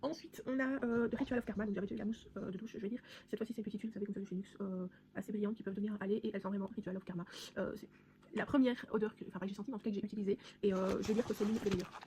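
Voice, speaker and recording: A woman's voice: mid-range voice, steady tone, very fast, mellow, a little hiss or hum. A young woman vlogging casually through her beauty products, chatty and rambling with many fillers and restarts. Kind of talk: casual product haul vlog.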